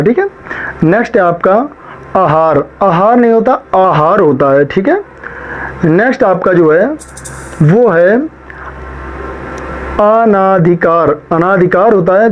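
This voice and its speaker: A man teaching a spelling lesson, drilling words one after another, right and wrong, with much repetition. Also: sits high. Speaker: shorthand teacher. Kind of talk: spoken lesson. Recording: dull lo-fi sound.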